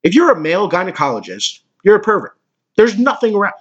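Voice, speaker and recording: Crude ranting podcast guy, husky voice, kinda high, muffled lo-fi audio. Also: huge pitch swings, fast talker. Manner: profane, ranting, mocking. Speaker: podcast host. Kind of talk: crude comedic rant. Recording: dull lo-fi recording.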